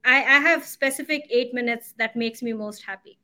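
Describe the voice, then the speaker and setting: A middle-aged woman, a company CEO, chatting as a podcast guest, animated and laughing often. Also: a little high, moderate pace. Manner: animated, laughs often, acts out her own quotes. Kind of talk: casual interview chat.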